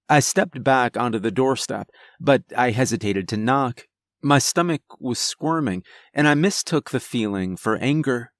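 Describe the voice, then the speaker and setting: A man's voice: mid-range voice, dry recording. Man narrating a horror story. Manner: measured, dramatic storytelling.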